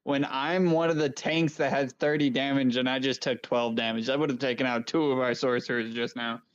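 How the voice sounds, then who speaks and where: A man's voice: medium pitch, steady tone, brisk, clear, resonant tone, muffled recording. A man playing in a tabletop game, talking through his moves in a matter-of-fact, casual way. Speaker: player.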